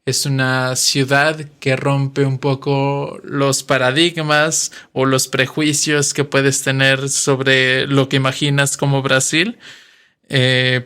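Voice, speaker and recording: This slow explanatory podcast monologue comes from a Spanish teacher in his twenties from western Mexico with a Mexican Spanish accent. His medium-pitched voice is smooth, slightly bright and monotone, and he unhurriedly explains things using examples.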